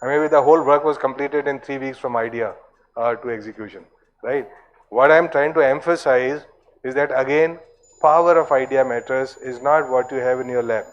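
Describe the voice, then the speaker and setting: A man's voice: mid-range voice, normal speed, dull audio. A man giving a conference talk in a loose, discursive way, full of fillers and asides. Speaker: conference speaker.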